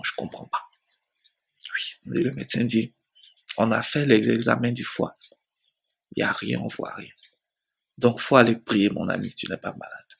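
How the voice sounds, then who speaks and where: A man telling his personal faith testimony slowly, repeating phrases and often dropping to a soft, near-whispered voice. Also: medium pitch, gravelly, husky. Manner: slow storytelling with many repetitions. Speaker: church member giving a testimony.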